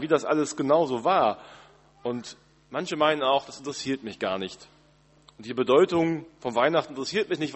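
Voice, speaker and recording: A man preaching a Christmas Eve sermon in a church, talking gently and conversationally, addressing listeners directly. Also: mid-range voice. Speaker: pastor. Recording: long church reverb, slightly husky.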